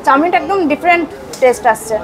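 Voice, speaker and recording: A woman food vlogger reviews dishes casually in a crowded restaurant, her high voice quick and lively in intonation. She's enthusiastic and repeats her praise as diners chatter around her.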